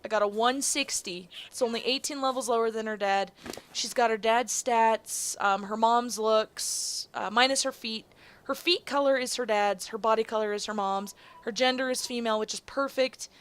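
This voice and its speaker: A woman's voice: fairly high pitch, steady tone, moderate pace, a bit bright. A woman giving rambling, casual gameplay commentary, full of fillers and self-corrections, with some casual swearing. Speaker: gaming video host.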